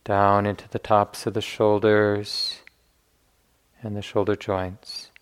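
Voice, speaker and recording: Leading a guided meditation, a man teaches in gentle, unhurried phrases with long pauses between them. He has a lowish, smooth voice and a flat delivery.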